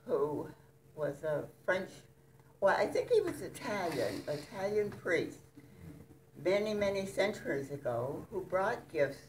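Slow, halting older woman, distant mic. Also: low-pitched. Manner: halting, wandering, reflective. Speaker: retired French teacher. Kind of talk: reminiscing talk. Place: church fellowship hall. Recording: distant mic, faint room noise.

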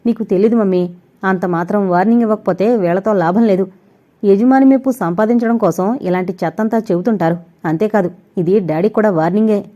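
A woman's voice: mid-range voice, fairly quick, close to an everyday voice. A woman voicing a spoiled, bossy young woman who scolds and orders the household staff around. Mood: dismissive. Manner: sharp, scolding, commanding. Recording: dull lo-fi recording.

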